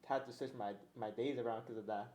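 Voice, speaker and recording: A man's voice: medium pitch, fairly even intonation, fast talker, a little mellow. A man co-hosting a casual podcast in joking gym-bro slang and hype, bantering with his partner. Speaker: podcast co-host. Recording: roomy echo, clear background noise.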